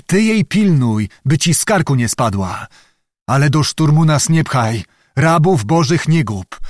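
A man's voice: fairly high pitch, very animated, unhurried, no room sound, clean studio sound. A man voicing a blunt, defiant Cossack colonel who speaks in threats.

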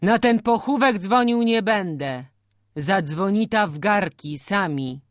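A woman's voice: medium pitch, lively intonation, slow pace, no echo, clean studio sound, pitched above the performer's own voice. Pompous old village man, put on by a woman narrator, scornful, solemn, country dialect, storybook. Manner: solemn, contemptuous dialect speech.

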